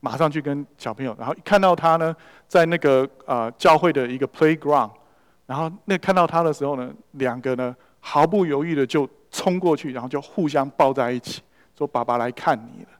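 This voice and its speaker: In a big church hall with long, echoing reverb, a pastor delivers a storytelling sermon sprinkled with English words. He speaks with a fairly high, smooth voice at a brisk clip.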